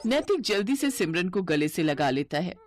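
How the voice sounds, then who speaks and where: A woman narrating a cartoon story in a clear, steady storytelling way. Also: lowish voice, moderate pace, faint music behind.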